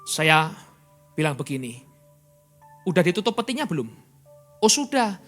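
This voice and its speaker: A male pastor preaching in a church, his pitch leaping about in a very animated way and his tone sharp and bright. He jumps from near-shouting to hushed asides and keeps putting rhetorical questions to the congregation. Soft music plays faintly behind him. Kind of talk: sermon.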